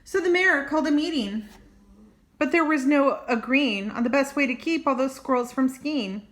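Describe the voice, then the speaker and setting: In a roomy, echoing home recording, an older woman plays a grandmother reading a children's story expressively, adding chatty asides and exclamations. Her voice sits high, a bit bright, at normal speed.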